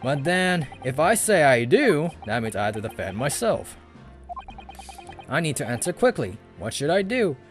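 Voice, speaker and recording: Man acting an anxious young male defendant, higher voice. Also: big pitch swings, normal speed, soft background music. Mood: anxious inner thought. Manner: earnest, hesitant.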